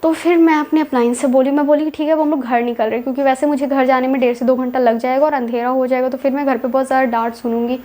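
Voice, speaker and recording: A woman's voice: sits high, steady tone, fast, hardly any pauses, dark tone. A young woman vlogger telling her own story in a casual, chatty way, dropping in English words and repeating herself.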